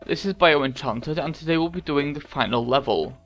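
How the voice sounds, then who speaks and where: A man's voice: on the high side, a little fast, a bit bright, soft background music. A man hosting a let's play video, making dry, mildly critical comments. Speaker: gaming channel host. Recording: dull lo-fi microphone.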